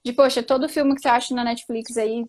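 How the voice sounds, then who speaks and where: This is a woman in her thirties, chatting casually on a live stream. Her voice sits high, and she talks in a chatty, emphatic way, full of fillers. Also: flat delivery, fast talker, darkish tone. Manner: chatty, emphatic, says "tipo" and "entendeu" a lot. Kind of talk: casual chat.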